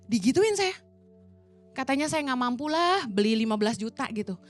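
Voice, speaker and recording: A woman's voice: sits high, very animated, moderate pace, soft background music. A middle-aged woman from Indonesia preaching in a casual, colloquial way, telling stories and acting out the voices of the people in them. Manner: chatty, colloquial, acts out quoted voices. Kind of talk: casual storytelling sermon.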